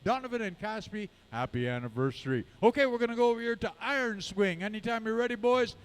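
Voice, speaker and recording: A man's voice: high-pitched, animated, quick pace, clean tone, big-room sound. A man working as a powwow emcee, announcing live and calling out to dancers and crowd in short rallying phrases. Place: live powwow, over a sound system. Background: powwow music.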